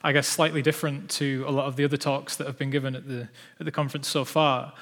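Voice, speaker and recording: A man's voice: medium pitch, level tone, quick pace, fairly bright tone. A young man with a Northern English accent gives a conference talk as an audio researcher, with many fillers and restarts. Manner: hesitant, many ums and "sort of" fillers. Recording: long hall reverb.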